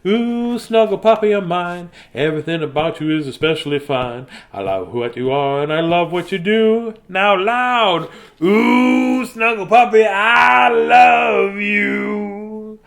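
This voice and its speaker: A man whose voice sits high, with vocal fry and a bit of brightness, takes his time as he reads bedtime stories for children. He chats with viewers casually, staying silly and playful with singsong scatting.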